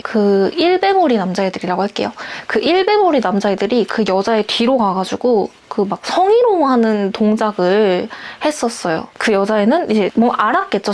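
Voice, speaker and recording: A young adult woman speaks in a voice set a little higher than most. She tells a personal story candidly and reflectively. Her speech is loose and conversational, with frequent filler words. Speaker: vlogger.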